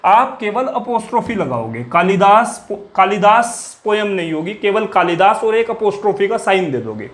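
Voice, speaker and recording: This is a classroom grammar lecture: a man quizzes his students in English grammar by asking questions he answers himself, repeating key words and letting his voice fall on the answers. His voice sits high, very animated, with a moderate pace, few pauses, and a repetitive manner.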